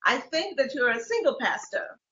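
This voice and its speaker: Bright, playful high-voiced woman host. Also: sing-song, moderate pace. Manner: playful, teasing, laughs often. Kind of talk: casual talk show chat. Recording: lo-fi, roomy sound.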